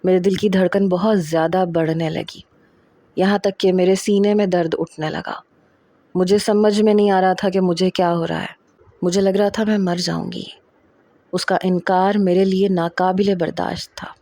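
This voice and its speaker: Woman reading a love story out loud, all emotional and dramatic, mellow tone, super dry close mic. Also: lowish voice, fairly even intonation, dry recording. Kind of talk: first-person story narration.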